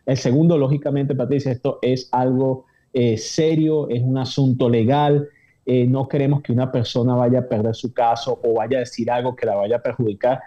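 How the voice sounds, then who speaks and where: A man, an immigration lawyer, explaining legal steps in a measured way with frequent hesitation fillers. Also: medium pitch, flat delivery, mellow. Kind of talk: explanatory interview answers. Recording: dull lo-fi audio.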